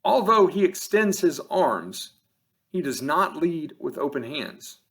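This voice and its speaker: Over game footage, a man reads scripted instructional narration in the manner of an officiating instructor, keeping to short, measured, matter-of-fact phrases. His pitch runs high and his delivery is very animated.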